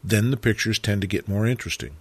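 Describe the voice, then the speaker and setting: A man narrating a photography lesson in a measured, reflective way, stressing key words. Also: on the low side, husky, no echo. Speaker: photography teacher. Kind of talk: scripted narration.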